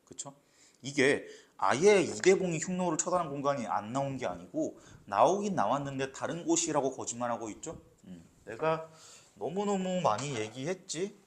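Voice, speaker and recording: A man's voice: medium pitch, expressive, normal speed. A man teaching literature for exams, explaining step by step and often checking with "right?". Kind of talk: exam lecture.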